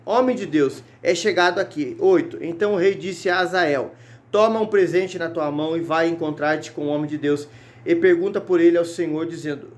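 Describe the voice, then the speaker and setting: A man preaching a fervent sermon in a church, reading Bible verses aloud and often crying out hallelujah and brothers. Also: a little high. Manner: repeats words and restarts while reading. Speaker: evangelist preaching on a Bible chapter. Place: church sanctuary.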